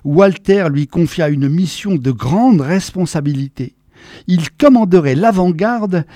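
A man narrates a story aloud in a measured, expressive way. His voice sits high for a man. The recording is dry and close, with no room sound. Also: no room sound.

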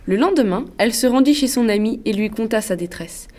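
A woman's voice: a little high, expressive, warm tone. Woman narrating a classic story. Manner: measured, storytelling. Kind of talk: scripted narration.

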